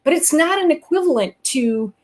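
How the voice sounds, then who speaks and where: A woman hosting a casual live-stream conversation, animated and enthusiastic, with quick asides. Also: high-pitched. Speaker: host.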